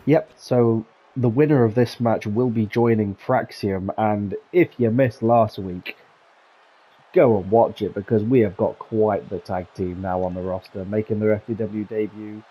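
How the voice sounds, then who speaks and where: A man doing casual play-by-play commentary on a wrestling video game, often breaking into high laughter. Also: steady tone, a little slow, slightly rough, dull audio.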